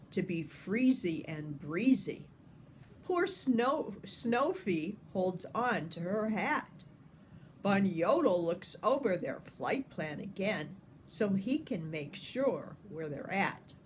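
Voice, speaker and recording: An older woman reads a children's picture book aloud, phrasing each line expressively and deliberately, like a grandmother speaking to young listeners. Her voice is mid-range, with a faint hiss or hum in the recording.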